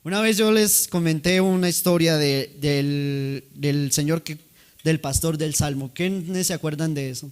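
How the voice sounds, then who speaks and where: A man's voice: fairly high pitch, measured pace, clear, resonant tone. Man preaching, conversational. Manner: conversational preaching, asks the congregation questions. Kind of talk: sermon.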